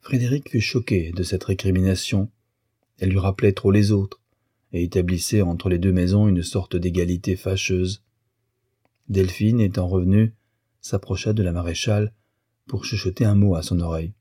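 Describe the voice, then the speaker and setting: A man narrating a classic novel in a measured, unhurried way. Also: low-pitched, steady tone, warm tone, breathy edge, no echo, clean studio sound. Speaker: audiobook narrator.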